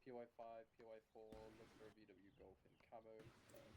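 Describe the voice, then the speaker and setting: Gravelly low man on a noisy game mic. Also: little pitch movement, brisk. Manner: hesitant, filler-heavy, low-key. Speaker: mission commander in a military sim game. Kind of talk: casual game voice chat, tactical briefing.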